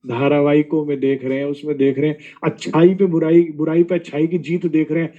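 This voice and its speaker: A man's voice: on the high side, little pitch movement, a little fast, phone-quality sound. A man giving a devotional sermon, scolding his listeners with rhetorical questions and mocking asides. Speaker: spiritual preacher.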